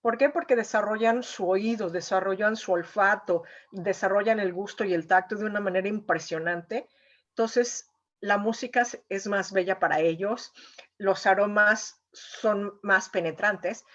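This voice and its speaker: A woman's voice: mid-range voice, a little slow, fairly bright tone, lo-fi sound. A woman, a painter, telling an emotional story as an interview guest, with frequent filler words. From Mexico. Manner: emotional, lots of "o sea" and "eh" fillers. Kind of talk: conversational storytelling.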